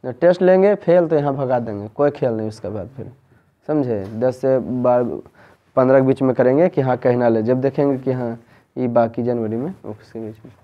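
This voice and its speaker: A man's voice: mid-range voice, normal speed, muffled recording. A man, teaching a grammar lesson in a tuition classroom and asking students the same questions again and again. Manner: drills students with repeated questions.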